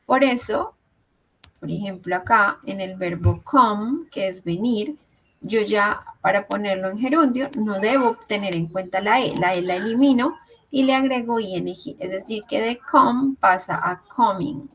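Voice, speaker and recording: A woman's voice: mid-range voice, unhurried, fairly bright tone, low-quality recording. A woman teaching English grammar in an online class, explaining step by step and checking in with her students. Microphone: video call.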